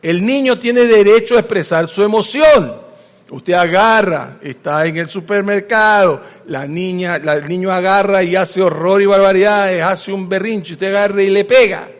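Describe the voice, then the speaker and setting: A man preaching a sermon as a pastor. He is animated, swinging between loud emphasis and hushed asides, and questions the congregation directly. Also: high voice, normal speed. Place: church sanctuary. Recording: long reverb of a large church hall.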